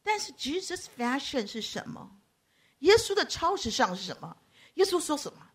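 A woman preacher, giving a lively sermon, teasing her listeners by name and acting out quoted voices. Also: high voice, normal speed. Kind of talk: lively sermon with audience banter.

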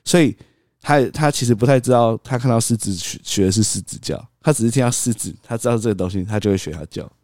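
A man's voice: medium pitch, fast, darkish tone, no echo, clean studio sound. A man co-hosting a casual podcast, a father telling stories about his toddler and acting out the child's replies. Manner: storytelling, acts out toddler's cries. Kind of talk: casual chat.

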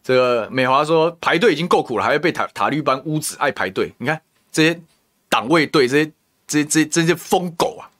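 A man's voice: a little high, a bit bright. A man with a Taiwanese Mandarin accent hosting a political talk show, venting in heated commentary full of rhetorical questions and insults. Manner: indignant, rhetorical, name-calling.

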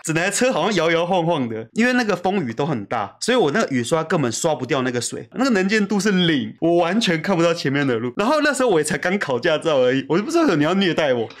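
Fast-talking Taiwanese Mandarin man. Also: on the high side. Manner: animated storytelling, acts out quotes loudly. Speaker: podcast host. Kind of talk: casual chat.

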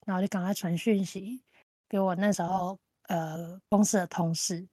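A woman's voice: on the low side, normal speed, no room sound. Woman telling a story, dry sound. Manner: lively storyteller who acts out the other person's lines. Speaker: podcast co-host. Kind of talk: casual chat, storytelling.

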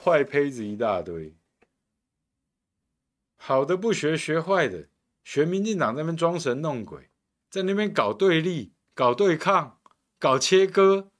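A man's voice: on the high side, big pitch swings, a little slow, long pauses, fairly bright tone. A man hosting a podcast, delivering a combative, sarcastic political commentary monologue. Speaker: podcast host and council candidate.

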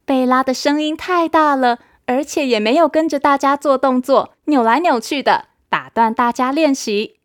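A woman narrating a children's storybook in a lively, expressive way. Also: high-pitched, normal speed, no echo, clean studio sound.

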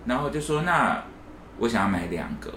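Very animated and brisk, his mid-range voice comes across bright and forceful as he co-hosts a casual podcast and tells a story, voicing the quoted parts himself. Echo from the room and a faint hiss are audible.

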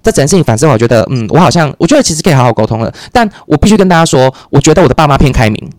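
A man with a Taiwanese Mandarin accent talks at a rapid clip in a casual podcast chat. His pitch leaps up and down lively as he acts out the people in his stories. The recording is close and dry. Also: dry recording. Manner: rapid, animated storytelling with playful quoted voices. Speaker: podcast guest.

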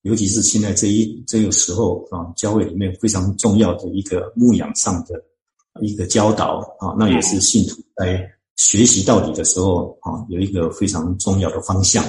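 A man, a church deacon and author, explains scripture in an interview, talking earnestly and slowly finding his words with many drawn-out fillers. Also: low-pitched, steady tone, mellow, roomy sound, poor audio. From Chinese-speaking, living in Canada.

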